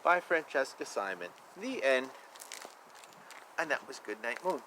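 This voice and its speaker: With a sing-song, mid-range voice and no hurry, a man reads a picture book aloud to young children. He keeps it playful and conversational, exclaiming, making asides, and stretching words to stress them. It's recorded outdoors, with a faint wash of outdoor ambience.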